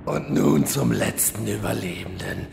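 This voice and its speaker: Villain boss for fantasy comedy: vain demon overlord, very slow, heavy creak, gloating commands. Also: male voice, lowish voice, expressive, music in the background, heavily acted. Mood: menacing, gloating. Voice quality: gravelly. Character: boastful demon villain boss with hooves, male, theatrical and vain. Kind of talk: scripted fantasy comedy dub. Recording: echoey hall reverb, faint noise.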